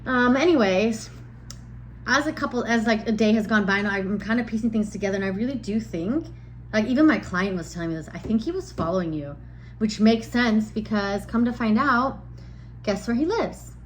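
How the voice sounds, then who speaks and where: A woman's voice: on the high side, animated, normal speed, slight background noise, rough recording. A young woman telling a dating story to camera in a chatty, exasperated way, full of filler words. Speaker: vlogger. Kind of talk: casual storytelling.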